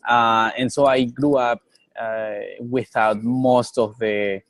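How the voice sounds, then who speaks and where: The recording is dry, and the man's medium-pitched voice is fairly bright, flat in delivery and slow. He's a young adult from Colombia with Nasa as his first language, a coffee business owner appearing as a guest in a casual interview, earnest and prone to repeating words as he looks for them.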